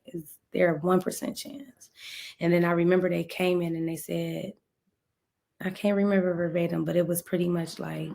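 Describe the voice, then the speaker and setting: Podcast guest, woman, middle-aged, from ohio, gravelly voice, tells her story and acts out the quotes. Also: fairly low pitch, a little mellow. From Ohio, USA. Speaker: podcast guest, speaker and author. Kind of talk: emotional personal storytelling.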